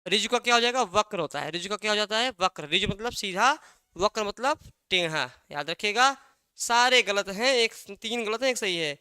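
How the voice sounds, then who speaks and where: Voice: medium pitch, expressive, normal speed, pushed and bright, clear, resonant tone, no room sound, clean studio sound. A teacher giving an exam-prep language lesson, asking a question and then answering it, repeating key words again and again.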